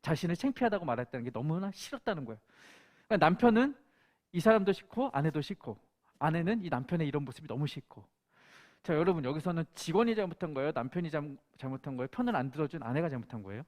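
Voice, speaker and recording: A man's voice: a little high, lively intonation, fast talker, darkish tone. A male pastor preaching a sermon, telling an anecdote and acting out the quotes in it. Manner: storytelling with acted-out quotes.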